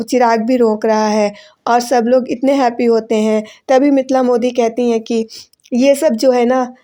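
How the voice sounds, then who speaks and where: Mellow higher-pitched woman recapping a serial. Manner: retells scenes, voicing characters' lines as plain quotes. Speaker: channel host recapping a TV serial. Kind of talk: casual spoken recap narration. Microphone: voice-over recorded separately from the clips.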